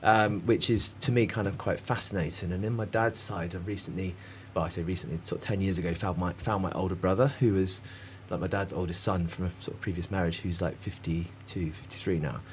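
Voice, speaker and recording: A man's voice: low voice, steady tone, brisk, few pauses, slight background noise. A man talking in a casual conversation, rambling and hesitant with many fillers and frequent laughs. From Cornwall, England. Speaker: artist guest.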